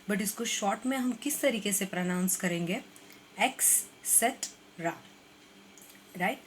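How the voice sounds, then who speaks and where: Slow, careful woman teaching pronunciation. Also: fairly low pitch, slight background noise. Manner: slow, drawn-out repetition of model words. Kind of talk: Hindi-English mixed lesson.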